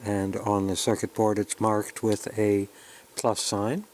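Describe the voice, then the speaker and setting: Slow and level in tone, a man with a fairly low, darkish voice narrates a hands-on electronics kit build. He plainly explains every step as he goes, keeping things casual, with a little hiss or hum in the recording.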